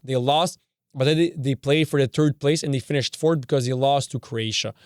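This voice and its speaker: The recording is studio quality with no room sound: a young man from Canada, whose first language is Serbian, rambles through casual football talk on his podcast. His voice is medium-pitched at a moderate pace, and he frequently corrects himself and swears casually.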